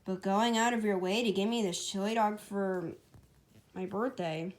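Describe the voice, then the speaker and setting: A woman's voice: mid-range voice, fairly even intonation, moderate pace, close to an everyday voice. A woman voicing a young male hedgehog in an amateur storybook read-aloud, easygoing, puzzled and kindly, in a casual way. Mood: confused.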